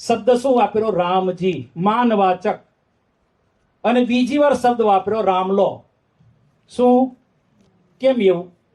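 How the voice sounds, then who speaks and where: High-voiced monk preaching slowly. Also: male voice, darkish tone. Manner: sings verses slowly, then preaches with emphatic questions to the audience. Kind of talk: devotional discourse with sung verses.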